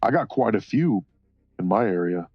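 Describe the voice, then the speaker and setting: Low-voiced man rambling on a stream. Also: animated, normal speed, dry recording. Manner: rambling, profane, laughs often, reads chat aloud. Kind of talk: casual livestream chat while coloring. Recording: slightly dull sound, faint music behind.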